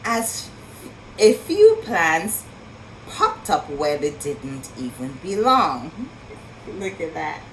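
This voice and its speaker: Reading aloud from a picture book to young children, a woman uses a lowish, highly animated voice and takes it slowly. She pauses to marvel at the pictures and ask the kids questions. The recording is noisy.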